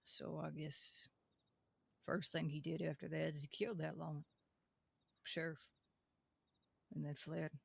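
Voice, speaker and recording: A man role-plays a young lawman in a game, earnest and folksy. His is heavily creaky and husky, sitting a bit high for a man. He speaks in a measured, hesitant way with little swing in pitch. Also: level tone, no echo, exaggerated voice. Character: young Western lawman, son of a reformed outlaw, earnest. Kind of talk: improvised Western role-play.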